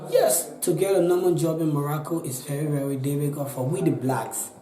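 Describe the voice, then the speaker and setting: A Liberian man in his twenties, Liberian accent, speaks briskly in a high-leaning, steady voice while telling his story in an interview. He pleads earnestly, repeats himself and restarts often. The rough recording is roomy, with crowd noise behind him.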